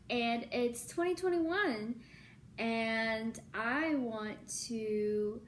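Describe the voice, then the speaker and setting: A woman in her early twenties chatting casually to viewers in a vlog, full of ums and likes, getting excitable about things she loves. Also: on the high side, a little hiss or hum. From born in Libya, Filipino. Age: 20s. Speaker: YouTuber.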